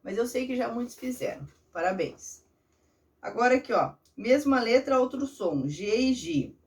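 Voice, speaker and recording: A woman's voice: a little high, expressive, normal speed, a little mellow, recorded from a distance. A woman primary school teacher with a Brazilian Portuguese accent, patiently guiding children step by step through workbook exercises. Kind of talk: remote lesson walkthrough of a workbook.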